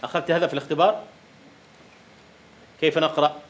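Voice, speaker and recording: A man teaches poetic meter to a university class, his fairly high voice rising to ask questions and then sinking to a murmur. A faint hiss of classroom noise sits under the recording. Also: fast. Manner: lively, questioning students, often dropping to a quiet murmur. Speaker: university lecturer. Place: lecture classroom.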